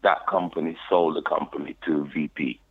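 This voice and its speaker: A man's voice: rumbling low, fairly even intonation, normal speed, gravelly, husky. A man from the UK speaking with a Jamaican patois accent, telling his story casually in an interview and often saying "you know". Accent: Jamaican patois, London. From United Kingdom. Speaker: podcast guest, reggae deejay. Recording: tinny phone line.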